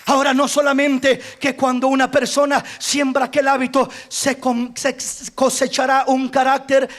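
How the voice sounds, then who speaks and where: A male pastor preaching a sermon with passion, rising to shouts on key lines. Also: extremely high pitch, completely flat delivery, moderate pace.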